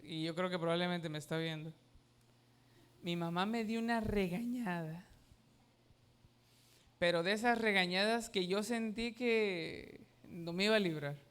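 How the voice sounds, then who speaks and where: A man's voice: sits high, unhurried, long pauses, fairly bright tone, smooth. A man, a pastor preaching a sermon, emphatic and asking the congregation questions. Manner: emphatic, asks the congregation questions and has them repeat.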